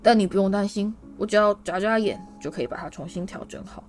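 A woman's voice: medium pitch, animated, fast, darkish tone, faint music behind, close to an everyday voice. A woman voicing a kindly, flustered middle-aged wizard father who rambles through apologetic explanations.

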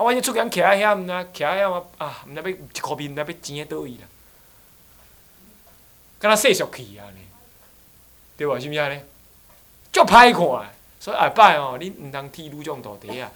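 A man's voice: fairly high pitch, a bit bright. A man with a Taiwanese accent, an abbot giving a joking dharma lecture who often mimics people and slips into Taiwanese dialect. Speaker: Buddhist abbot.

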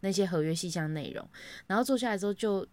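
A woman's voice: mid-range voice, quick pace, a little mellow, no room sound. A young woman, chatting casually and acting out her own greetings as she tells an office story. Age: young adult. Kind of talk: casual chat.

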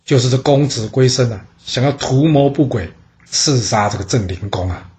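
A man's voice: mid-range voice, normal speed. Man telling an ancient history tale. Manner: lively, asks and answers his own questions. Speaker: storyteller. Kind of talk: casual history storytelling.

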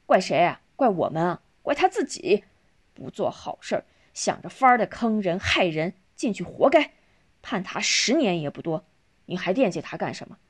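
Impatient snappy younger guy, a woman reading him, blunt and scornful, pitch jumps around. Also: sing-song, moderate pace, breathy edge.

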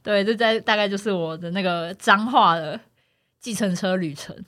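A woman's voice: medium pitch, normal speed, dry recording, clean studio sound. A woman from Tainan, hosting a casual podcast and telling a story, acting out the voices of the people in it. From Tainan, Taiwan. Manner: lively, acts out the voices of people in her stories. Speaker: podcast host.

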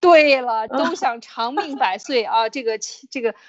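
A woman with a somewhat high voice hosts a podcast and retells an old tale in a loose, chatty way. She circles back, restarts her phrases and fills the gaps with small hesitations. She voices the quoted figures in her own everyday voice. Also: moderate pace, highs cut off, over a noisy crowd. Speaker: podcast host. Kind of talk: storytelling commentary.

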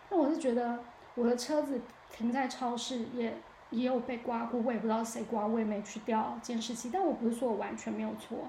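A woman's voice: fairly high pitch, dark tone, slight background noise. A woman hosting her own podcast, telling a story about her own mishap in a candid, chatty way. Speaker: podcast host. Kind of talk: casual solo storytelling. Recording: echoey room.

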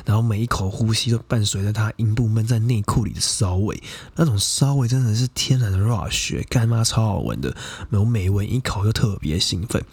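A man's voice: fairly low pitch, a little fast, a little mellow, slightly rough, no room sound. A young adult man, hosting a podcast and casually telling a personal story in a frank, profane, chatty way full of fillers. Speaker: podcast host.

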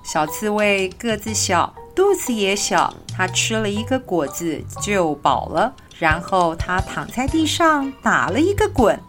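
A woman reads a children's story aloud at a slow, unhurried pace, gentle and expressive. Her voice rises and falls in a lively way, with faint music playing underneath. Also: mid-range voice.

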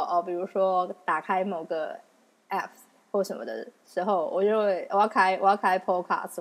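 A young woman with a Taiwanese Mandarin accent talks through her own podcast episode alone, loose and conversational. She pokes fun at herself and laughs easily between thoughts. Her pitch sits in a middle range for a woman. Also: darkish tone. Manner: chatty and self-mocking, laughs often. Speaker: podcast host. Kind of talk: casual solo podcast monologue.

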